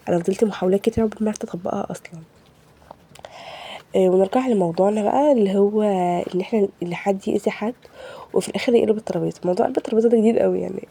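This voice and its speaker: A woman's voice: medium pitch, vocal fry, mellow, husky. A woman with an Egyptian accent and a cold, talking casually in a vlog voice-over and venting in heated rhetorical questions. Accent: Egyptian Arabic. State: has a cold. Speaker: home vlogger.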